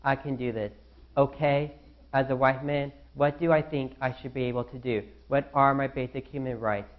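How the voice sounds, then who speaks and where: A man's voice: medium pitch, steady tone, normal speed, phone-quality sound, natural voice. A young man playing a fretful founding father. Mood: worried musing. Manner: fretful, talks to himself. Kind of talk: student skit.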